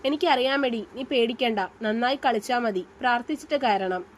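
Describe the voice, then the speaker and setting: A steady, protective young man, read by a woman, talking down a nervous girl over the phone. The tone stays calm and reassuring, with a fairly high voice. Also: normal speed, a little hiss or hum, lightly acted.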